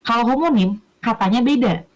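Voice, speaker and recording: A woman's voice: a little high, fairly quick, poor audio. A young woman teaching a casual online lesson, chatty, stopping often to check that listeners follow and correcting herself as she goes. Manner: chatty, checks understanding with questions, self-corrects.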